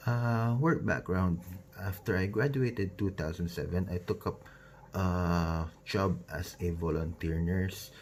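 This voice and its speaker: Filipino man, 20s, deep, hesitant and rambling on-camera intro, faint background noise. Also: slow pace, a little mellow. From Philippines. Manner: rambling, hesitant, frequent fillers and self-corrections. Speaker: nurse vlogger. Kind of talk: casual self-introduction to camera.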